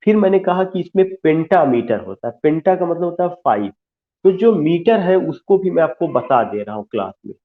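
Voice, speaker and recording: A man's voice: a little high, lively intonation. Man teaching a class over tinny audio. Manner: explains slowly, repeats key terms, mixes English into Hindi. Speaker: English literature teacher. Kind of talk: online class lecture.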